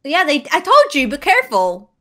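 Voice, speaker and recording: High bright giggly young woman. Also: wildly swooping pitch, moderate pace. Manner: giggly, screams at in-game dangers. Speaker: gaming co-host. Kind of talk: playful gaming banter.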